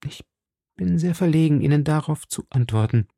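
A man's voice: fairly high pitch, expressive, moderate pace, vocal fry, warm tone, no echo, clean studio sound, voice pushed up. A man voicing a frightened young woman in hiding, pleading urgently with her rescuer in a raised voice. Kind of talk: audiobook character voice.

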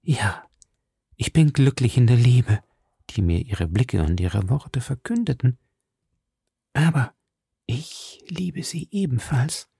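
A man reading aloud and voicing a seductive, scheming noblewoman who speaks softly and with a tremor. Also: medium pitch, big pitch swings, slow, vocal fry, long pauses, husky, no echo, studio quality, exaggerated voice. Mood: tender. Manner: soft, intimate, tremulous.

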